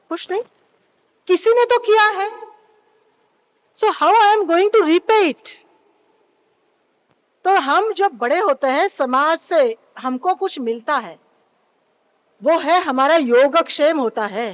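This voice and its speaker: Her voice very high, a woman leads a spiritual talk at a yoga event through a live microphone. She often asks the audience questions and mixes in English phrases, and the audio sounds dull.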